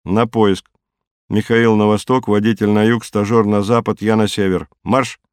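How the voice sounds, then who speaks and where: A man's voice: on the low side, level tone, normal speed, clear, resonant tone, no echo, studio quality, close to an everyday voice. A man playing a stern expedition commander. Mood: commanding. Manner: curt orders.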